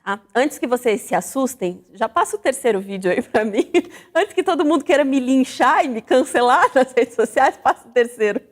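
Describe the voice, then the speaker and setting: Female talk-show host, high-pitched, reflective and questioning, long room reverb. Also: normal speed, hardly any pauses. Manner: reflective, animated, asks the audience questions.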